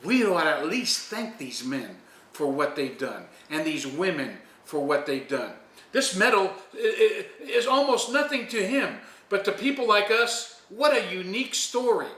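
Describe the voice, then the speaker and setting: Guy doing an interview, kinda high voice, emphatic storyteller, echoey and away from the mic. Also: sing-song, unhurried, sharp tone. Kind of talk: informal interview with admiring commentary. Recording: echoey room, distant from the mic.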